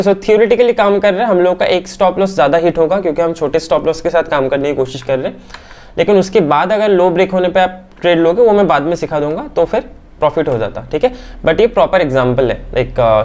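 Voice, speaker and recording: A man teaching trading as he walks through candlestick charts on screen, often checking in with his listeners and filling pauses with "aa". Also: a little high, darkish tone. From India. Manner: keeps checking in with "theek hai?"; talks through hesitations with "aa" fillers. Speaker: stock market teacher.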